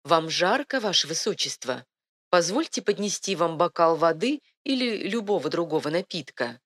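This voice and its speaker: A woman voicing a charming, flattering nobleman with a soft, velvety manner in an audiobook. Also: on the low side, moderate pace. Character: velvet-voiced charming male lord, seductive. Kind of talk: audiobook reading.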